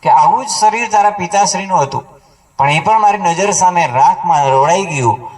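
A man's voice: normal speed, a little mellow. A man telling a devotional story as a sermon at a home memorial gathering, his voice rising and dropping for emphasis. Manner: story-telling, voice swinging high and low for emphasis. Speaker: devotional speaker. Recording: voice picked up from a distance.

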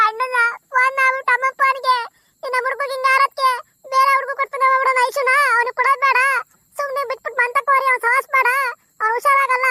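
A squeaky, very high cartoon voice of a young village woman, tearful and defiant, standing by the man she loves, as a woman acts it out. She rattles along quickly in a bright, piercing tone. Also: dry recording, studio quality, full character voice. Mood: tearful complaint. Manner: tearful, pleading and indignant. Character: young village woman, heartbroken but fiercely loyal.

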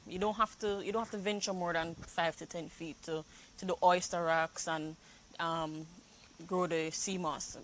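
A woman, speaking on a fisheries panel in a measured, reassuring way. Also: lowish voice, a bit bright, a little hiss or hum, rough recording. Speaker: fisheries project manager. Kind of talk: panel discussion. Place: outdoor garden set. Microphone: lapel.

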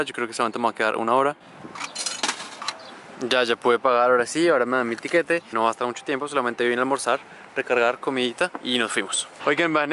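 A man's voice: mid-range voice, pushed and bright. Chatty Colombian man vlogging from his car. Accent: Colombian Spanish. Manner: chatty, playful, addressing viewers directly. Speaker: travel vlogger. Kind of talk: casual travel vlog. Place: small car while driving, and outdoors in town streets. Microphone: camera mounted on dashboard or held at arm's length. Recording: noisy road and street ambience.

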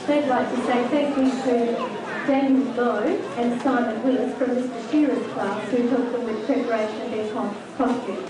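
A woman's voice: on the high side, fairly even intonation, moderate pace. A woman presenting at a school event in a cheerful, encouraging tone, heard on an old VHS home video taped from across a large hall. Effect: old VHS home video tape sound. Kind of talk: announcing to an audience. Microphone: camcorder mic from across the hall. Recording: echoey hall, distant mic, crowd and tape noise. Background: loud audience chatter and tape hiss.

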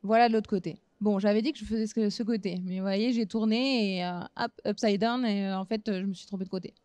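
A woman in her thirties giving a relaxed craft demonstration at a fair booth, talking casually with frequent hesitations. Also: medium pitch, fast talker, dry recording. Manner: relaxed, chatty, many hesitant fillers. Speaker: craft instructor. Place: small trade-fair stage booth.

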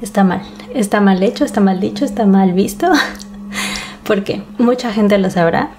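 Speaking straight to her audience, a thirtysomething podcast host from Mexico City chats candidly in a conversational monologue. Her voice is warm and mid-range at a normal speed, with a little background noise behind it.

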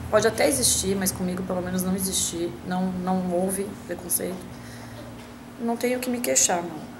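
A woman's voice: mid-range voice, heavy background noise. A woman from Brazil talking casually to camera at home, chatty and hesitant, with many restarts and fillers. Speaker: vlogger answering a tag.

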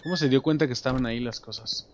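A young man with a Mexican accent giving joking, animated let's play commentary, talking to himself and his viewers as he plays. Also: mid-range voice, quick pace, slight background noise. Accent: Mexican Spanish. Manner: animated, jokey, talks to himself and viewers while playing. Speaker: gameplay commentator. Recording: background game music.

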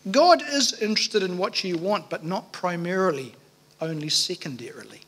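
Sex: man. Role: pastor at a pulpit microphone. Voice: high. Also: animated, normal speed, fairly bright tone, slightly rough. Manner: earnest, emphatic, with rhetorical questions. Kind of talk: sermon.

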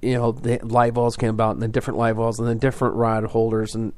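A man's voice: mid-range voice, monotone, fast talker, darkish tone, no room sound. A man hosting a fishing podcast, explaining things in a casual, rambling way full of fillers and restarts.

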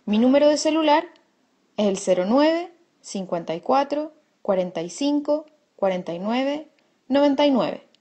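A Chilean woman with a high voice reads a friendly scripted self-introduction for language learners, listing her address and phone number one item at a time. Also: animated, normal speed, warm tone, lo-fi sound. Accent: Chilean Spanish. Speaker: voice actor in a language lesson.

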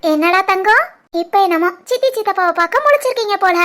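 A woman voicing a teasing, cheerful young aunt in an animated family story, with a Tirunelveli Tamil accent. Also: very high voice, brisk. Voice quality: playful, teasing.

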